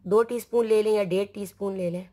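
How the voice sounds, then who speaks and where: A woman whose voice is hoarse from a sore throat walks through a homemade skincare recipe. Her tone is mellow and low in brightness, and she talks calmly, step by step. At times her strained voice drops into a half-whisper. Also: a little fast. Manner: calm, step-by-step instruction, sometimes half-whispered. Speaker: skincare channel host. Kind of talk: home remedy tutorial.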